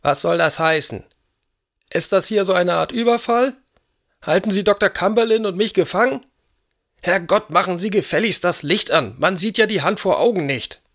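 An actor playing an elderly, imperious aristocrat who talks in a gruff, demanding and indignant way in an audio drama. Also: male voice, high-pitched, moderate pace, fairly bright tone. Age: older.

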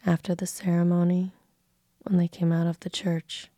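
Whispered bedtime-story voice, woman, low and flat, slow unhurried read. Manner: soft unvoiced whisper throughout. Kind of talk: ASMR whispered fairy tale reading.

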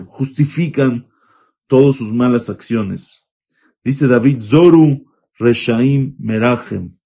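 Husky-voiced rabbi teaching a psalm. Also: male voice, mid-range voice, mellow. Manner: retells a biblical story and translates Hebrew verse phrase by phrase. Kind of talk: Torah class on a psalm.

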